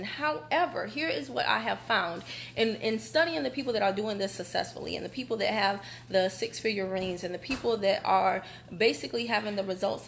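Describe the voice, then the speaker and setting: A woman's voice: mid-range voice, gravelly, fairly bright tone, slight background noise. A woman, a small business owner chatting candidly on a live phone video while standing on a vibration machine, so her voice shakes as if she is talking into a fan. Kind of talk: casual live video talk. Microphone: phone camera.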